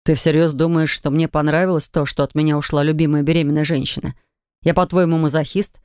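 A wounded husband with a lowered, gentle voice that coaxes and aches, as a woman puts him on in an audiobook. The voice sits low and dark, recorded dry and close. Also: fairly even intonation, quick pace, clean tone, dry recording. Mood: indignant. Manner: soft, coaxing and pained. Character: troubled husband, an investigator, gentle but wounded.

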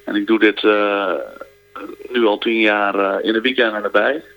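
A man's voice: on the low side, fairly even intonation, normal speed, gravelly, fairly bright tone, poor audio. A man, a singer, calling in to a radio show and answering the host's questions hesitantly, with many filler sounds and restarts.

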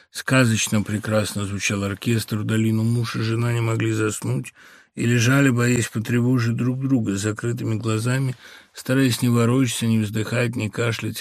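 A man narrating a literary audiobook in a measured, expressive reading. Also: on the low side, creaky, no echo, clean studio sound.

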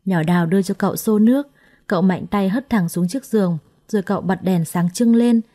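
A woman tells a story in a steady, expressive way. Her voice is mellow and sits at a middle pitch. She reads from a script. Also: a little fast. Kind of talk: scripted narration.

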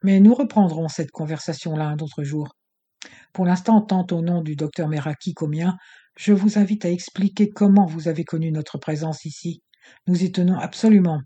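A man's voice: a little high, steady tone, moderate pace, warm tone, husky. A man voicing a harsh, threatening male villain with a slightly hissing voice in an audiobook. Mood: menacing.

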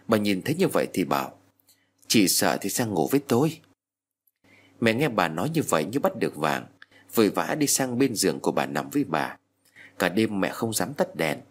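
A man with a low, husky voice tells a horror story, his pitch rising and falling with lively emphasis. Faint music plays underneath the narration. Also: brisk.

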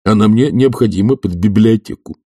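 A man's voice: lowish voice, fairly quick, dark tone, breathy edge, dry recording, studio quality. A man voicing an imperious older male professor who speaks in a stern, lecturing, cutting way.

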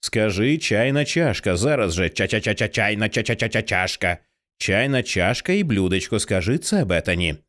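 A man voicing a stern commanding man who takes charge, speaking in calm, clipped orders. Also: on the low side, moderate pace. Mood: calm firm.

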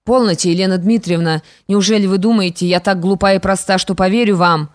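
A woman's voice: mid-range voice, fairly even intonation, fairly quick, no echo, clean studio sound, lightly acted. A woman voicing a defiant young stepdaughter in an audiobook, firm and reproachful. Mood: indignant. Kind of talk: audiobook character reading.

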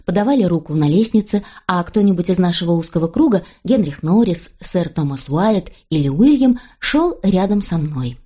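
A woman reading a novel aloud as an audiobook narrator, in a steady, even first-person storytelling voice. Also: medium pitch, highs cut off.

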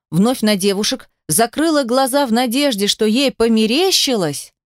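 A woman narrating a fantasy audiobook in a steady storytelling manner. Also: fairly high pitch, no echo, studio quality. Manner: steady storytelling, shifting into character voices.

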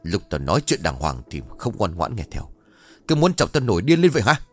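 Thug voice by a male narrator: contemptuous, snarling, low with sharp flare-ups. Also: expressive, quick pace, dry recording, soft background music. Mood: menacing. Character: brutal young male loan-shark thug, threatening.

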